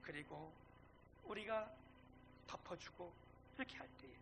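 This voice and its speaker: A middle-aged male pastor preaching a sermon, animated, swinging between loud and hushed and acting out dialogue. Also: sits high, unhurried, noisy background. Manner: acts out quoted dialogue.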